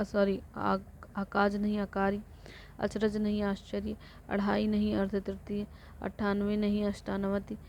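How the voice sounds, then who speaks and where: A woman teacher reciting vocabulary lists for exam prep in a flat rote way, sometimes correcting herself. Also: medium pitch. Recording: dull lo-fi recording with faint noise.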